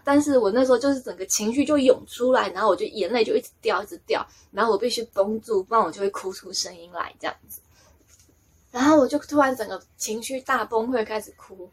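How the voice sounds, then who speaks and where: A woman's voice: on the high side, slightly rough. A woman telling a personal story in a chatty, rambling way, often laughing at herself. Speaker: podcaster sharing a personal story. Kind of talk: casual storytelling.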